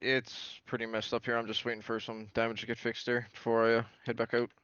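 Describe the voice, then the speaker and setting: A man from Canada, a race driver chatting calmly with the commentators over a voice call. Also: medium pitch, fast talker, clear, resonant tone, dry recording, highs cut off. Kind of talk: casual chat over voice call.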